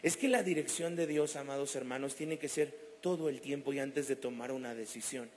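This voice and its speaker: A man's voice: medium pitch, a little fast, darkish tone, a little hiss or hum. A man preaching a sermon, telling stories with animation and acting out the voices of the people in them. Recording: long reverb of a church hall.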